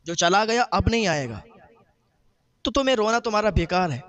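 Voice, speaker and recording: ایک آدمی جو وعظ میں دہرائے جانے والے جملوں کے ساتھ ایک اخلاقی قصہ سناتا ہے۔. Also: male voice, high voice, expressive, a bit bright, smooth. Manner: retells a moral tale with quoted dialogue, repetitive phrasing. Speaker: preacher. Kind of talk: sermon storytelling.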